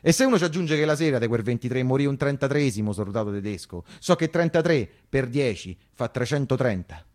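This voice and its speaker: An actor-narrator with a Roman accent delivers a theatrical first-person monologue in colloquial dialect, his mid-range voice animated and darkish. He talks a little fast with few pauses, emphatically repeating phrases in the style of a popular storyteller.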